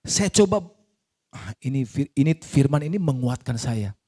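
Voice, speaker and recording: A man's voice: medium pitch, lively intonation, moderate pace, mellow, slightly rough. A middle-aged man, a pastor, telling a personal testimony in a conversational sermon and acting out the voices he quotes.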